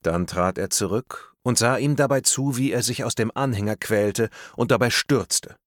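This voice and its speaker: A man reading a thriller audiobook aloud in a tense, measured storytelling manner. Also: medium pitch, dry recording, clean studio sound. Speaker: audiobook narrator. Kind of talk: scripted narration of a thriller.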